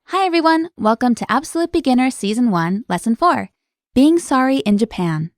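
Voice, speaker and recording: A woman's voice: sits high, expressive, normal speed, no room sound, studio quality. A woman hosting a language lesson podcast, explaining words in an upbeat, scripted way.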